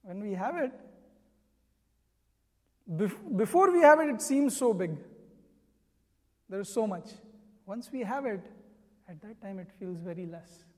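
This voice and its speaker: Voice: mid-range voice, lively intonation, unhurried, pauses often. Earnest spiritual teacher in a reverberant hall. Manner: earnest, explanatory storytelling. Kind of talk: sermon. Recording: long reverb.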